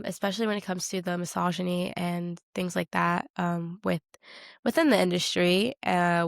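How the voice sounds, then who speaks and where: A woman co-hosts a podcast, chatting casually about a TV show with emphatic, slangy reactions. Her voice is on the low side and gravelly yet clean, captured in a clean studio recording with no room sound.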